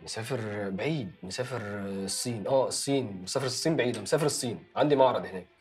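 An actor with an Egyptian accent playing an evasive young man who makes smooth excuses to his girlfriend. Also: lowish voice, lightly acted. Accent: Egyptian Arabic. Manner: smooth, fast excuse-making. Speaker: actor in a TV drama series. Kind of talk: TV drama acting.

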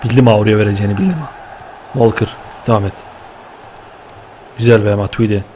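A young man giving lively, excitable commentary while playing a football video game, cheering and scolding his players with slang. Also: fairly low pitch, brisk, a little hiss or hum. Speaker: gaming YouTuber.

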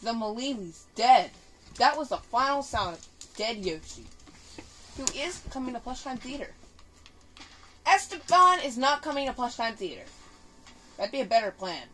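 A gaming host, female, talks at normal speed with long pauses, a medium pitch that swings widely, and a sharp tone. Casual and improvised, she teases and bosses, slipping into mock quarrels. The noisy indoor recording of a TV screen includes clicking sounds.

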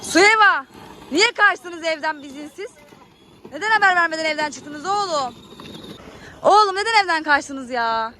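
A mother speaks in a high, bright voice, coaxing and playfully scolding her small children. Her talk is casual and homey, the kind used in a family vlog. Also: animated, normal speed, a little hiss or hum. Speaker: mother filming her kids.

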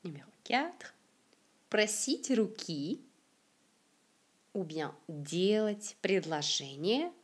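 Slow, breathy woman teaching language. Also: on the low side, big pitch swings. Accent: Russian. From Siberia, Russia. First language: Russian. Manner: repeats each phrase slowly and clearly. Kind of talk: slow, careful language lesson with repeated example phrases.

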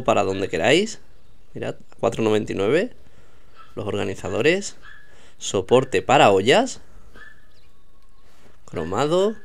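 A medium-pitched male voice with noticeable vocal fry belongs to a vlogger strolling down a supermarket aisle. He chats casually, pointing out store products to his viewers as he walks.

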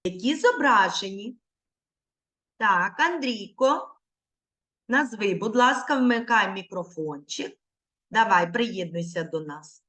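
Patient, slow-speaking woman teaching children. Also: mid-range voice, expressive, a bit bright. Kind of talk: online lesson for young children. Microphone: video call.

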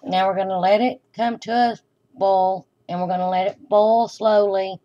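Plain and folksy, a woman hosting a home cooking show talks through each step as she cooks at the stove at home. She has a mid-range voice at a normal speed with fairly even intonation. The audio, from a camera, is dull and lo-fi, with kitchen noise.

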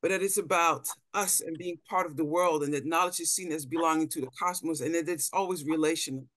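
A middle-aged woman from the Netherlands, an anthropologist serving as a panel speaker, gives a thoughtful lecture with slides on a video call indoors, frequently repeating words while searching for the right phrasing. Her voice sits low and is fairly bright, with a steady tone and quick pace.

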